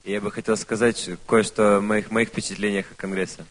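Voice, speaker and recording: A man interpreting a speech, phrase by phrase, quick and with restarts. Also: fairly low pitch, level tone. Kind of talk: consecutive interpreting.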